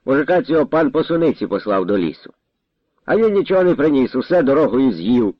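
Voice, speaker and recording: A man's voice: medium pitch, big pitch swings, a little fast, dry recording. Haughty steward guy, short clipped answers, lo-fi dry sound, read by a man. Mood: curt. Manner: curt and dismissive. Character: surly male estate steward, cruel and haughty.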